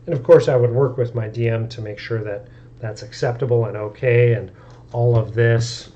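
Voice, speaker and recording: A man's voice: medium pitch, fairly even intonation, moderate pace, mellow, muffled recording. A man streaming about tabletop games, talking casually and thinking aloud in an easygoing way. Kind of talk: casual live-stream talk.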